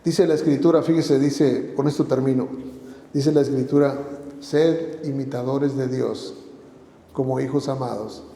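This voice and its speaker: A man's voice: medium pitch, fairly even intonation, unhurried, warm tone, echoey room, long reverb tail. A man preaching a sermon as pastor, exhorting the listeners with repeated phrases and rhetorical questions.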